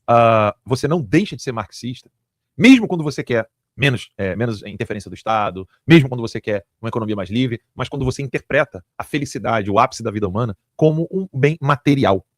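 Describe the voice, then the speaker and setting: Fast, emphatic man host. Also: medium pitch, expressive, no echo, clean studio sound. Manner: rapid, emphatic, repetitive, crude jokes. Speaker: live show host. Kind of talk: heated political commentary. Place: studio.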